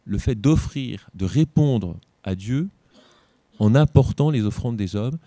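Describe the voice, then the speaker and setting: A man's voice: medium pitch, expressive, measured pace, dark tone, no room sound. A tired man teaching an informal Bible lesson, reading scripture aloud and breaking off for joking asides.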